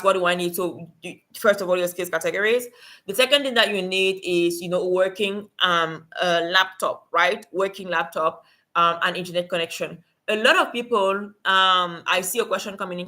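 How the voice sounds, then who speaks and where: Woman livestream host from Cameroon, conversational with fillers, bright sound. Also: fairly low pitch. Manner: chatty, many fillers, talks to viewers in chat. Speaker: livestream host and remote work coach. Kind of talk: casual livestream advice.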